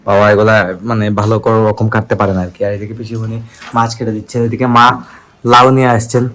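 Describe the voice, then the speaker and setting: A man narrating a casual family vlog, chatty and often speaking softly to the viewers. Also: fairly low pitch, flat delivery, fast, low-quality recording. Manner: chatty, addresses viewers as guys, drops to a hush to keep a surprise. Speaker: vlogger.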